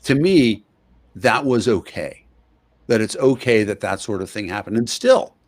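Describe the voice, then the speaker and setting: A man hosting an interview over a video call, conversational, pausing often with hesitations. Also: lowish voice, animated, no room sound. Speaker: guest host.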